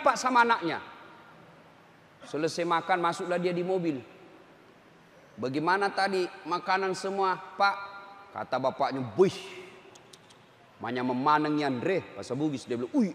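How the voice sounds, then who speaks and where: A man preaching a humorous sermon to a crowd, joking and swinging between loud and soft. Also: sits high. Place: large hall with an audience. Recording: echoey hall, faint ambience.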